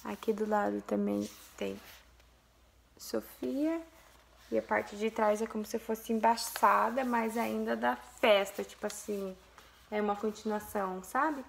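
Gushing young Brazilian woman, slight vocal fry. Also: medium pitch, steady tone, a little slow. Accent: Brazilian Portuguese. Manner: gushing, chatty, addresses viewers directly. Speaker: vlogger, mother. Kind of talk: casual vlog, showing a photo album.

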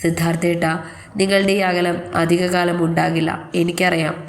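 A woman's voice: fairly low pitch, level tone, normal speed, slight background noise, close to an everyday voice. Woman reading as a timid hopeful young bride. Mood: hopeful, inward. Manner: soft, trembling.

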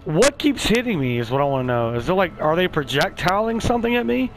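A man giving casual let's-play commentary, excitable and swearing, chatting to the creatures on screen. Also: high voice, fast talker, over music, poor audio. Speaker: gameplay streamer.

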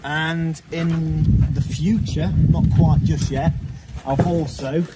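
A man's voice: a little high, slow. A young man, a bricklayer, casually explaining his work in a vlog as he builds outdoors on a building site. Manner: relaxed, explains while working, slangy. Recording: loud work noise outdoors.

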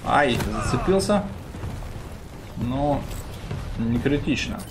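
A man's voice: medium pitch, animated, slow pace. A man giving live esports commentary in an informal way, full of gamer slang. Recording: clear background game noise.

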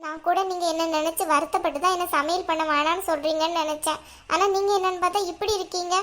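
A woman voicing a hurt young daughter-in-law in an animated cartoon, talking in a pleading, plaintive way. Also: very high voice, quick pace.

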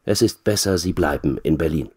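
A man reading the part of a brisk female office assistant in a storybook for learners. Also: very deep voice, warm tone, breathy edge.

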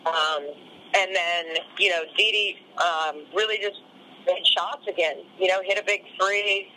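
Bright-voiced woman coach, post-game. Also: fairly low pitch, fairly even intonation, unhurried, a little hiss or hum, poor audio. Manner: rambling, full of "you know" fillers. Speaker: head coach. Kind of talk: post-game press interview.

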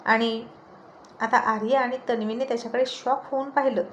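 A woman storyteller reading a serialized romance story aloud with expressive, steady narration. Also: a little high, normal speed, highs cut off. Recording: echoey room, faint noise.

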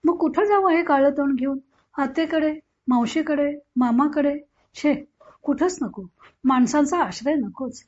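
A woman narrating a novel as an audiobook, in a measured, expressive reading. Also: high voice. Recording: dull lo-fi recording.

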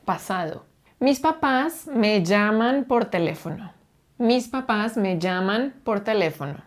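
Woman, Spanish teacher, slow and deliberate, over-enunciates for learners. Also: medium pitch, animated. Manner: patient, slow, stresses each syllable. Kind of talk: slow, clear language drill.

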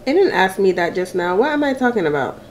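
A woman's voice: medium pitch, big pitch swings, quick pace, a little hiss or hum. A woman, chatting playfully and laughing often as she answers get-to-know-me questions while eating. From Jamaica. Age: 30s. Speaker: mukbang vlogger.

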